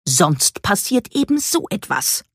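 A woman's voice: medium pitch, sing-song, unhurried, husky, no room sound, studio quality, voice pushed up. A woman voicing a stern, evasive male veterinarian who speaks in a curt, lecturing way.

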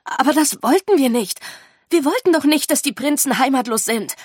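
A woman's voice: on the high side, animated, normal speed, husky, no room sound, clean studio sound. A woman voicing an earnest, stubborn teenage girl who talks in a pleading, insistent way.

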